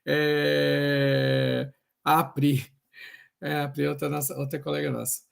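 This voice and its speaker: A man's voice: a little high, slow, creaky. A man with a Brazilian accent, a social worker at a health unit, telling work anecdotes at an open class and acting out the voices he quotes. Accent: Brazilian Portuguese. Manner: animated storytelling, acts out quoted voices.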